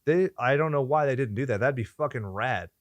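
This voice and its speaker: Male podcast host, foul-mouthed comic ranter, average pitch, dead-dry close mic. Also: fairly quick, no echo. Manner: crude joking rants, heavy swearing. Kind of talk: casual chat.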